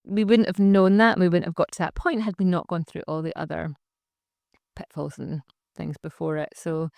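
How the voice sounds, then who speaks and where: A woman's voice: fairly low pitch, flat delivery, normal speed, gravelly, darkish tone, no echo. A young adult woman, a social enterprise founder talking reflectively in a casual interview, with plenty of fillers and restarts. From Scotland.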